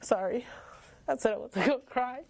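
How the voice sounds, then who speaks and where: A woman's voice: medium pitch, steady tone, moderate pace. A woman in her twenties, an athlete, speaking earnestly and emotionally in interview soundbites. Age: 20s.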